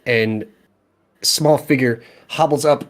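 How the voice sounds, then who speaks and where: A man narrating as game master of a tabletop game in a relaxed, meandering way, with frequent fillers. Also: medium pitch, slow pace.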